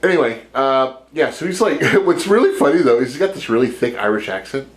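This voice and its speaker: A man's voice: mid-range voice, expressive, fairly quick, low-quality recording. A man co-hosting a podcast, retelling a film in a rambling casual chat full of fillers and jokey asides. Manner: laughs while talking, jokey impressions. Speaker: podcast co-host.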